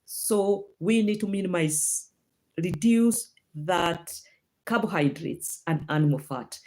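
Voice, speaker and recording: Slow and a little mellow, her voice on the low side, a Kenyan woman runs a casual health livestream from a phone or laptop. She takes viewer comments, speaking with a Kenyan accent and plenty of fillers and false starts.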